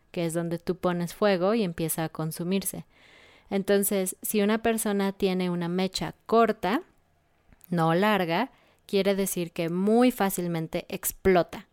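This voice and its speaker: A Mexican woman teaching Spanish vocabulary in a casual lesson, explaining words with clear examples. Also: fairly low pitch, a little mellow, no room sound, clean studio sound.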